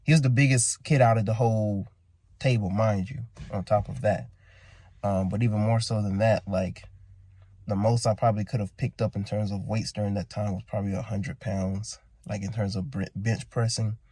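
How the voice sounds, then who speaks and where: A man's voice: on the low side, steady tone, normal speed, warm tone, husky. A man with a groggy morning voice telling a long story in a casual, rambling vlog, full of restarts and asides. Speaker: vlogger.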